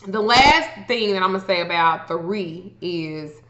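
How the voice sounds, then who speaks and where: An astrology vlogger with a fairly low, sharp-toned voice chats casually to camera, giving tips a little slowly. She's blunt and profane, tossing in joking asides, and the recording sounds muffled and echoey with slight background noise.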